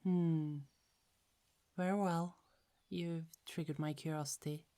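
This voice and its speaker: In an ASMR audio roleplay, a woman with a low, mellow voice plays a gentle young goddess who keeps precious golden apples. She speaks slowly, softly, and earnestly with fairly even intonation, often stumbling a little before finding her words. Her tone stays warm and never turns sharp.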